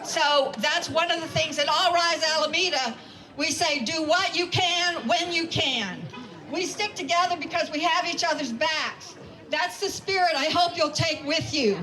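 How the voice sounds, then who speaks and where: A woman's voice: high voice, pushed and bright, rough recording. A woman giving an emphatic, rousing rally speech to a crowd, repeating phrases for effect. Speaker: rally speaker and community organizer.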